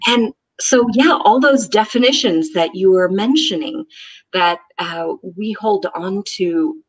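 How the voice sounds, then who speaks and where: Husky, emphatic woman in casual talk. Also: mid-range voice, unhurried, poor audio. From Israel, raised in the United States. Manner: emphatic, enthusiastic, hesitant fillers. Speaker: co-host. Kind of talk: casual conversation.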